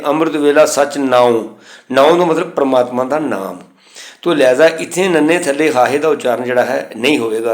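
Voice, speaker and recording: A man teaching scripture pronunciation, slowly reciting verse lines and then explaining them plainly. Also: a little high. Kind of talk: instructional lesson. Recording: echoey room.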